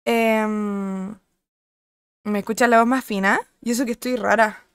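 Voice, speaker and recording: A young Chilean woman streaming, chatting casually and crudely with her viewers and greeting them by name, her voice a little husky today. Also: medium pitch, fairly even intonation, a little slow, a bit bright, no echo, clean studio sound. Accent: Chilean Spanish. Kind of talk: casual chat with live chat viewers.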